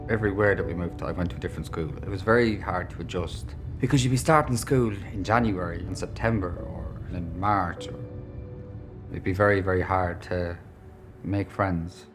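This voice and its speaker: Low-voiced Irish man, reflective. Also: moderate pace, music in the background. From Ireland. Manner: reflective, candid storytelling. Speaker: documentary interviewee. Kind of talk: documentary interview.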